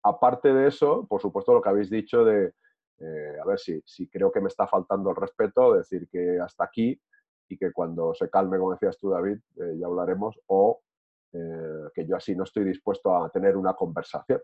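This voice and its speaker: This husky man's voice sits low and moves a little fast, heard through a tinny phone-like connection. Taking part in a relaxed group conversation, he muses reflectively, often hesitating and starting his sentences over.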